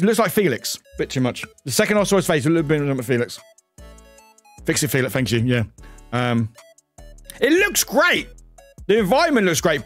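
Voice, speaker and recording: A streamer reacting to a trailer live, excitable and scattered, swearing freely and interrupting himself. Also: male voice, fairly high pitch.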